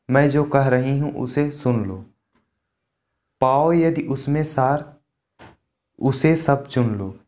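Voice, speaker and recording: A man teaching a poetry lesson, reading each verse aloud and then unpacking it in plain words. He speaks in an unhurried, measured way, with a voice of ordinary middle pitch. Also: darkish tone. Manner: reads a verse line, then explains it slowly in plain words. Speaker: Hindi literature teacher. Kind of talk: line-by-line poetry explanation lesson.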